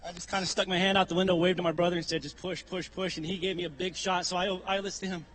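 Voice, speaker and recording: Race winner guy, fast talker, high voice, kinda choked up. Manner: quick, excited and emotional. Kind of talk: post-race interview.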